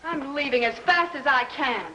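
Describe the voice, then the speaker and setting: A woman's voice: high-pitched, moderate pace, noisy background, natural voice. An actress playing a flippant, sarcastic young woman in a 1950s TV drama. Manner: wisecracking, dry.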